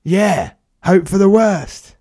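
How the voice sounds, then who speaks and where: A man's voice: high-pitched, takes it slowly, dark tone, no room sound, pitched above the performer's own voice. A man doing a cheeky plumber, blunt and matey, tossing out slang with a grin in his voice. The sound is bone-dry and close to the mic, like a small studio booth. It is a comic audio story. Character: cheeky working-class male plumber, blunt.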